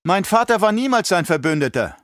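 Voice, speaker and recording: A man voicing an eerily calm little girl who speaks in a cool, matter-of-fact way. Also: sits high, fairly quick, dry recording, studio quality, pitched above the performer's own voice. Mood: defiant.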